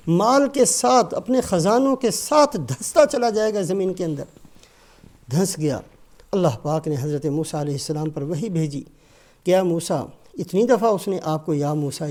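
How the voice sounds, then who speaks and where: A man's voice: sits high, a little mellow. An older man giving a sermon with Quran commentary, emphatic and rising and falling, breaking into Arabic recitation.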